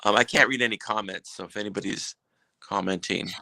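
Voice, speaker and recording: A man with a gravelly, bright and forceful voice, chatting casually as a guest on a live stream. He rambles through jokey stories, restarting his sentences as he goes. The sound is close and dry. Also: on the low side, fairly even intonation, fairly quick, no echo, low-quality recording. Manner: rambling, self-interrupting storyteller. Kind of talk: casual joking chat.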